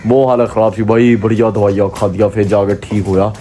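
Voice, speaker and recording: A man with a Pakistani Punjabi accent chatting casually to his vlog viewers, expressive and often repeating himself. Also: fairly low pitch, fast. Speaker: vlogger.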